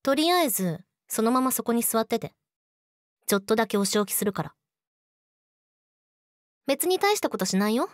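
A woman's voice: on the high side, big pitch swings, normal speed, long pauses, dry recording, clean studio sound. A woman playing a sweet but eerily obsessive, jealous young girlfriend in a teasing audio drama spoken to the listener. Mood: teasing, menacing. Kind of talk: Japanese situation voice audio drama, addressed to the listener.

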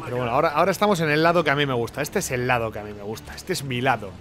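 A young man from commentating his own gameplay, excitable, with sudden shouting bursts and repeated words. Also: medium pitch, racing, faint music behind. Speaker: gaming YouTuber.

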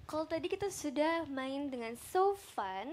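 Very high-voiced giggly young woman. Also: lively intonation, normal speed. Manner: giggly, teasing. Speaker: idol group member doing stage MC. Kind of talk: playful stage banter. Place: live theater stage. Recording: live stage mic with audience crowd.

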